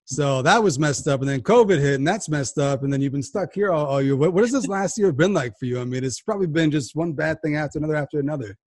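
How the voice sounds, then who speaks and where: A man hosting a sports podcast, energetic and hyped, often restarting his sentences. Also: fairly high pitch, quick pace, few pauses, no room sound, studio quality. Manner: energetic, hype host with frequent restarts. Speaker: podcast host.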